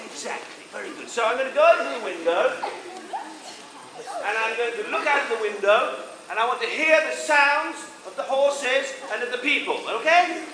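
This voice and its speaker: An actor playing a pompous English gentleman detective on stage with an English accent, theatrically coaxing a live audience to join in. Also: very high voice, expressive, moderate pace. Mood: playful. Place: large indoor sports hall. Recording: echoey hall, loud audience noise. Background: noisy crowd of children.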